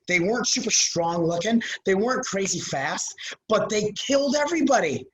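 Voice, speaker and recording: An energetic middle-aged man talks on a live call, pressing each point with emphatic repetition. His voice sits a little high for a man. He sounds like a coach giving a motivational talk. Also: normal speed, rough recording. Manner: energetic, emphatic, repeats phrases for punch. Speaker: mindset coach. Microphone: call microphone.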